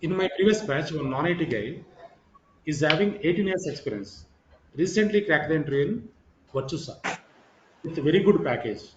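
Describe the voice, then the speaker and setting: A man's voice: on the high side, lively intonation, moderate pace, pauses often, background noise. A man giving an informal online lecture as a course trainer, repeating himself and checking in with "right" and "okay". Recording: roomy echo, slightly muffled sound.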